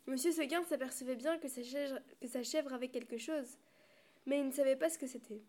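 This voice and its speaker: A woman reads a storybook aloud at a steady pace, stumbling and restarting now and then. Her voice sits a little high. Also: fairly quick. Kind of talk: storybook reading.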